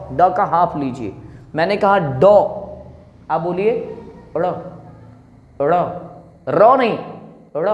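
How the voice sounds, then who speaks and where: A man teaching students how to pronounce sounds, slowly drawing out each example as he demonstrates it. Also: sits high, dull audio. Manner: slow, drawn-out demonstration of sounds. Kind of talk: pronunciation lesson. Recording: echoey room with long reverb.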